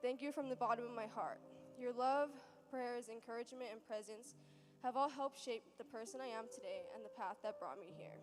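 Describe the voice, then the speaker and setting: A woman's voice: fairly high pitch, a little fast. A young woman earnestly reading a heartfelt thank-you speech at a graduation ceremony. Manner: earnest and heartfelt, read aloud. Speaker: graduating student giving a tribute. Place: large church sanctuary. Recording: reverberant hall with music underneath.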